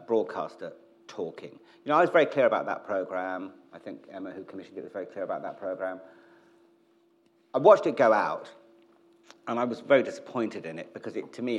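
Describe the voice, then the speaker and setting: A man's voice: on the low side, lo-fi sound. A man talking as a television executive in a candid interview, animatedly retelling and acting out conversations. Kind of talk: candid on-stage interview talk with anecdotes.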